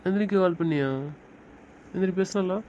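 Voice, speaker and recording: A man plays a pushy, scolding friend in an amateur web drama. He speaks fast and high and keeps pressing with questions. The sound is dull and lo-fi, with faint hiss. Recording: muffled, faint background hiss.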